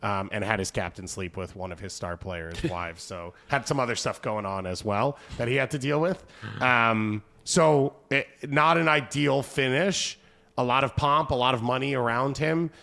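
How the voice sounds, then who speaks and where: Man, mid-pitched, host, quick conversational talk, thinks aloud. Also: vocal fry, pushed and bright. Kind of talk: casual panel discussion.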